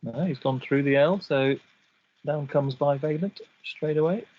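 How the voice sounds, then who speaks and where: A man's voice: on the high side, unhurried, lo-fi sound, slight background noise. A man giving live game commentary, chatty and analytical as he breaks down each move.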